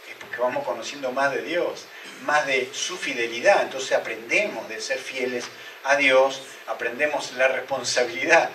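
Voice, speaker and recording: A man's voice: mid-range voice, noisy background. A male pastor preaching a sermon and asking his listeners many rhetorical questions. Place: church hall. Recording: roomy, echoey church hall, mic at a distance.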